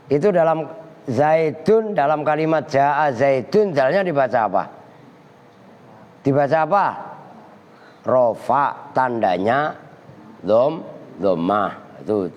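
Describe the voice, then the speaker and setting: Slow, teasing kyai teaching grammar. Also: male voice, mid-range voice, a little mellow. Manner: teasing, scolding students between slow recitation. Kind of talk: pesantren kitab lesson. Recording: dull lo-fi audio in a reverberant hall.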